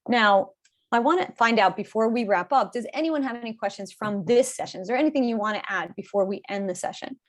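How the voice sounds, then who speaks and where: A woman speech coach, teaching an online workshop in a clear, encouraging instructor tone over a video call. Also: on the high side, a little fast.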